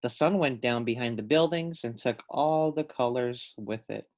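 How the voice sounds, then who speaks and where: A man reading a children's picture book aloud with expressive, teacherly delivery and deliberate phrasing. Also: medium pitch. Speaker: read-aloud storyteller.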